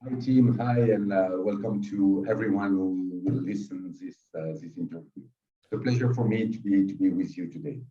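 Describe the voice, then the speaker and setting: A middle-aged man from Switzerland, a company executive being interviewed, who talks in a halting way with repeated words and many fillers. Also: deep voice. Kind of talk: conversational interview. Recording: distant, roomy, dull remote audio.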